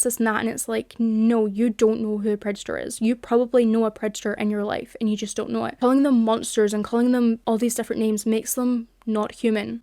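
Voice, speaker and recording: A woman's voice: on the high side, a little mellow, no room sound, clean studio sound. A young British woman giving an earnest, impassioned commentary vlog to camera, a little rambling at times. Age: young adult. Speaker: commentary YouTuber.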